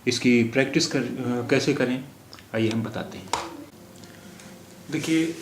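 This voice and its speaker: Slow, patient male language teacher. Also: medium pitch, reverberant, background noise. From India. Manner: slow, repeats words for drill. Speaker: Urdu teacher. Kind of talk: phonetics lesson.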